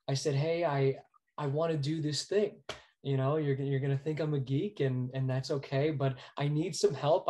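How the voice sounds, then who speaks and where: A bit of hiss or hum sits under this American man's high-side, darkish voice as he tells stories as an interview guest. The sports arena announcer speaks earnestly and emphatically, often repeating words.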